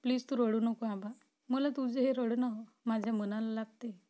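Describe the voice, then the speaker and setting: During a storybook reading, a woman lightly acts the part of a possessive, obsessive young man who alternates between begging and menacing with real intensity. Her voice is fairly high and mellow, with a steady tone and normal speed.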